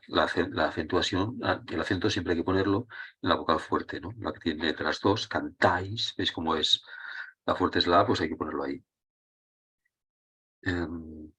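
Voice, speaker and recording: A man with a very deep, husky voice teaches a Spanish grammar lesson. He explains rules patiently, step by step, pausing to check that his students are following. His delivery is conversational and unscripted. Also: fairly bright tone.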